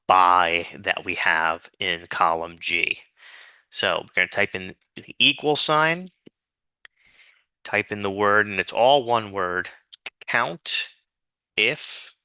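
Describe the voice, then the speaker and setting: A man's voice: sits low, bright, forceful tone, smooth, no echo. A man giving an informal, patient step-by-step spreadsheet tutorial, dictating things piece by piece as an instructor. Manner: dictating formulas piece by piece, spelling out letters and symbols.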